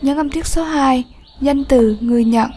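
A woman teacher giving a lesson, explaining slowly, patiently and clearly. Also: high-pitched, dark tone, slight background noise. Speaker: English teacher. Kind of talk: classroom lesson narration.

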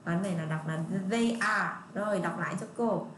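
A woman teacher with a Southern Vietnamese accent, patiently explaining English words to young children and repeating model sentences slowly. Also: fairly low pitch, a bit bright. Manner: patient, repetitive, drawn-out model readings. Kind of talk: online lesson explaining English pronunciation. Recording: echoey room with faint ambient noise.

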